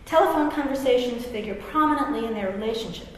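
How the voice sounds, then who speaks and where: At a live reading in a large, very echoey room with faint background noise, a middle-aged American woman reads her personal essay. Her voice is a little high and her pace quick. An author and English professor, she adds wry, self-deprecating, conversational asides.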